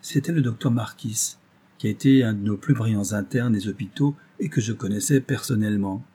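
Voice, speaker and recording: A man reading a story aloud in measured scripted narration. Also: on the low side, warm tone, slightly rough.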